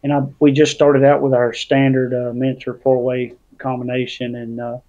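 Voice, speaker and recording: A man, a guest drag racer and tuner, talking slightly out of breath with many halting fillers over a video call. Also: medium pitch, completely flat delivery, mellow. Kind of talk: casual panel talk. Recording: tinny phone-like line.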